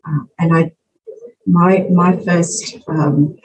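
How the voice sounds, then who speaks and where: A woman's voice: fairly low pitch, fairly even intonation, very slow, a little mellow. A middle-aged woman from South Africa answering conversationally as a podcast interview guest. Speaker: podcast guest, children's ministry worker. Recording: muffled distant mic, faint noise.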